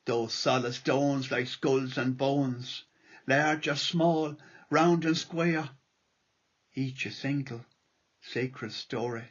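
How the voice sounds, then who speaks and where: A man's voice: mid-range voice, steady tone, slow pace, lo-fi sound. An Irish man reading aloud from a prepared talk in a lilting storyteller's manner, like a local history speaker reciting. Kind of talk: prepared talk read aloud, with quotations and poetry.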